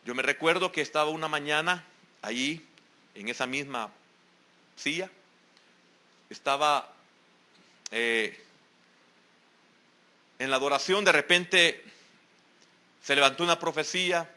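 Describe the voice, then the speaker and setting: Pastor guy preaching at church, kinda high bright tense voice, hammers the same lines over and over. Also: takes it slowly, pauses often. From El Salvador. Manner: emphatic preaching with repeated exhortations. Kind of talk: evening church sermon. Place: church sanctuary during a service.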